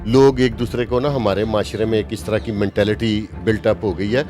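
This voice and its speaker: Brief: emphatic Pakistani journalist, fifties, faint music behind. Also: male voice, on the low side, fairly even intonation. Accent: Pakistani Urdu. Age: 50s. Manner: emphatic, opinionated, slows down to stress points. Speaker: journalist guest. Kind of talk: interview talk.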